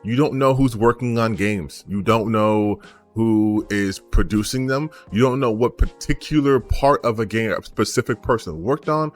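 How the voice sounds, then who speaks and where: A lowish-voiced American man rants straight to his audience, blunt and exasperated. He talks casually, swears freely and keeps hammering home rhetorical questions, with soft music playing faintly behind him. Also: moderate pace. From United States. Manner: emphatic, blunt and frustrated, with repeated rhetorical questions. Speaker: gaming YouTuber. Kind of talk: unscripted opinion rant to camera.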